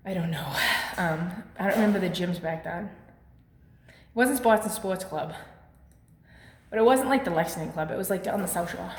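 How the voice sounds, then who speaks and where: A woman's voice: on the low side, noisy background. Chatty woman coaching a workout in an echoey room. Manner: chatty, filler-heavy, lively. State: slightly out of breath. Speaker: fitness vlogger. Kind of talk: casual workout demonstration. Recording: echoey room with long reverb.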